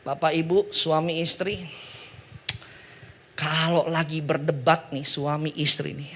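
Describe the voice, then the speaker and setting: A man preaching a sermon in a lively, joking way, calling on the congregation to repeat words after him. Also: fairly high pitch, a little slow. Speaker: pastor.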